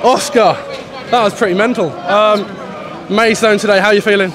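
A young man hosting street interviews with football fans, asking quick upbeat questions into a handheld mic outside a stadium. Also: high voice, fairly even intonation. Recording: loud crowd behind.

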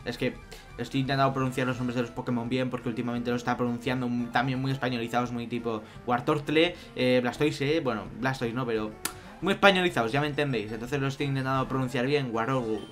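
A young man with a Spain Spanish accent commenting on his own gameplay, excitable, swinging from mumbled asides to loud outbursts. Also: medium pitch, quick pace. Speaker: let's play youtuber. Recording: faint music behind.

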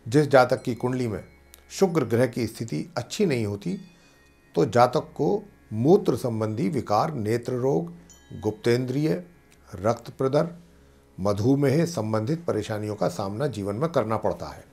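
A man, an astrologer and pandit, calmly explaining planetary mantras and slowly chanting them. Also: mid-range voice, creaky, husky. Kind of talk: devotional teaching talk.

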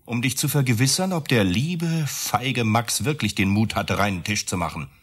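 In a German radio drama, an actor voices Max, an architect accused of murder who is a bitter, volatile, cornered lover. He sounds sarcastic and accusing, firing off rhetorical questions in a medium-pitched, slightly bright voice with a breathy edge, lively intonation and moderate pace.

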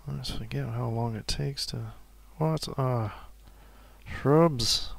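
Slow gravelly man musing over a game. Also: mid-range voice, no room sound. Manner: relaxed, musing to himself, laughs softly. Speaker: let's play gamer. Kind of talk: casual gameplay commentary.

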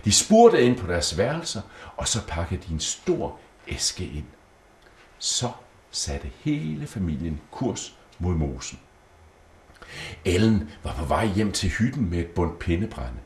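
A man reads a children's Christmas tale in a low, deep voice that rises and falls with lively expression. The room around him gives the voice a noticeable echo. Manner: gentle, lively storybook reading. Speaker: storyteller. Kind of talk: reading a Christmas story aloud. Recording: roomy echo.

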